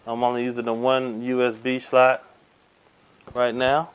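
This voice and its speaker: An easygoing man narrates a hands-on tech demo at a table by the window. His voice sits in an ordinary middle range, and he walks through each step slowly with plenty of ums and uhs, as heard through a camera mic. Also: medium pitch, monotone, clear, resonant tone. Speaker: tech reviewer. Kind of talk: casual hands-on product demo. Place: indoors at a table by window blinds.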